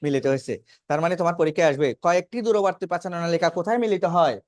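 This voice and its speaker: A man's voice: fairly high pitch, rapid-fire, no echo, clean studio sound. A man teaching a biology class, asking questions and then answering them himself, and repeating key terms to drive them home. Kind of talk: classroom lecture.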